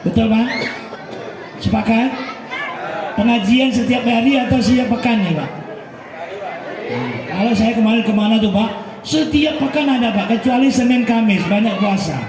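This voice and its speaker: A man's voice: extremely high pitch, normal speed, pauses often, noisy background. A man preaching a humorous sermon at a mosque gathering, joking with the congregation and calling out to them constantly. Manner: joking, calls out to listeners constantly. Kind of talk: humorous sermon with crowd banter. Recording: echoey mosque hall, crowd murmur.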